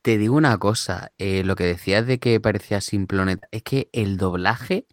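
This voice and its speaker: A man with a Spain Spanish accent, casually discussing films and pausing to restart phrases as he searches for words. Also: fairly low pitch, no echo, clean studio sound.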